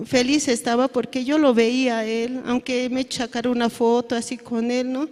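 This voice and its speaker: A middle-aged woman gives a halting, earnest personal testimony at a church service, often tagging her phrases with little questions. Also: a little high, darkish tone. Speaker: church member giving testimony. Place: church hall. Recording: long church-hall reverb.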